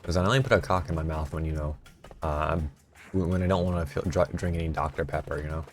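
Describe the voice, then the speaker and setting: A man's voice: extremely low pitch, fast talker. A man streaming a game, rambling and mocking himself in casual chat at a desk mic. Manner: self-mocking, rambling, jokey.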